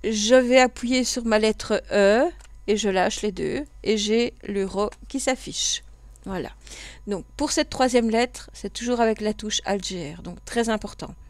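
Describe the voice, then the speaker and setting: A woman's voice: medium pitch, a little slow, no echo. Patient Belgian French woman teaching. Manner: patient step-by-step explaining, with frequent fillers. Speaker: computer class instructor. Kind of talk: screen-recorded tutorial.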